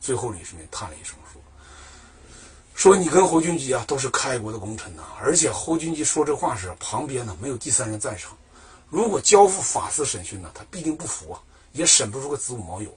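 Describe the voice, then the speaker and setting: A man's voice: mid-range voice, a little fast. A man telling a history story in a chatty colloquial way, asking himself questions and answering them. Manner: lively, chatty, asks and answers his own questions.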